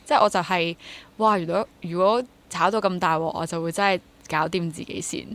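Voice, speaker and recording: A twenty-something woman with a Hong Kong Cantonese accent speaks casually as an interview guest; she's a freelance actor and drama teacher. Her voice sits on the low side and is a bit bright, with fairly even intonation and a brisk delivery. She sounds reflective, rephrasing as she goes and slipping English words into her speech.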